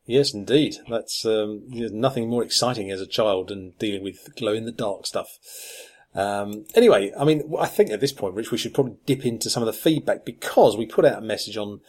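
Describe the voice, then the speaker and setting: A man's voice: on the low side, a little fast, a little mellow. A man co-hosting a podcast, chatting casually with plenty of ums and restarts. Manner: rambling, lots of ums and restarts. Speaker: podcast co-host. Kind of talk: casual chat.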